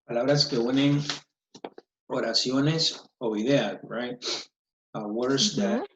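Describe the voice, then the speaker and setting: A man's voice: medium pitch, takes it slowly, fairly bright tone, slight background noise. A male teacher giving an online English lesson, explaining patiently step by step, his voice captured in a screen recording of a video call. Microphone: computer mic on a video call. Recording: echoey, dull video-call audio.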